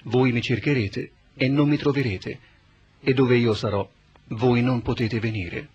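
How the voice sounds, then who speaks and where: A man playing Jesus as a calm, solemn teacher in a dramatized Bible reading, speaking in a measured, grave way. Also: mid-range voice, husky, highs cut off.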